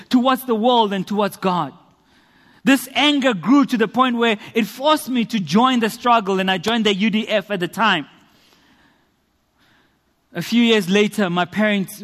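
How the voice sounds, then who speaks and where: A high-pitched, slightly bright male voice carries a South African preacher's sermon and personal testimony. Through earnest rhetoric and repetition he builds emphasis. The recording has the long reverb of a church hall.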